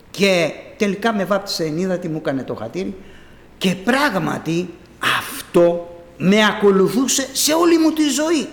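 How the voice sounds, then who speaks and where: A man preaching an evangelical sermon and telling his own testimony, acting out the voices he quotes and calling out loudly. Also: high-pitched. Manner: animated, acts out quoted voices, calls out loudly. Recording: roomy hall reverb.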